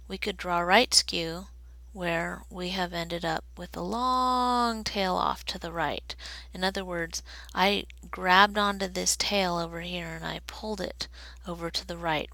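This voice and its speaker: The speaker is a woman with a creaky voice on the low side, pushed and bright in tone. She delivers a recorded statistics lesson, drawing graphs while explaining step by step, slowly and deliberately. The audio is dry and low quality.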